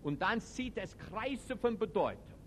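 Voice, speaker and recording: A man preaching a sermon to a live audience. He speaks emphatically, with non-native German grammar, and moves between loud outbursts and quiet reflection. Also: high-pitched, expressive, measured pace, a little hiss or hum. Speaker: preacher and teacher.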